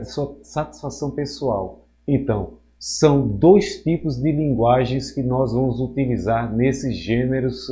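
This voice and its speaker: A male teacher giving a recorded school lesson, lively and joking, acting out quoted voices. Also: mid-range voice, dull audio.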